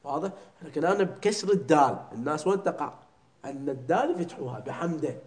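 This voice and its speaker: A man leads a religious class, his voice sitting somewhat high. He keeps stopping to ask whether he is understood and repeats words slowly to drill their pronunciation. The sound bounces around an echoey room. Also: animated, a little mellow. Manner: keeps checking understanding with short questions. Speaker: religious teacher. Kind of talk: classroom lesson on prayer recitation.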